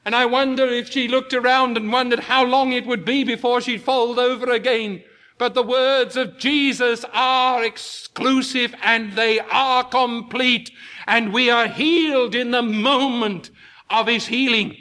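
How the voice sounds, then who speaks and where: A man preaching a sermon to his congregation, slow and emphatic, rising into impassioned peaks. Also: extremely high pitch, fairly even intonation, sharp tone.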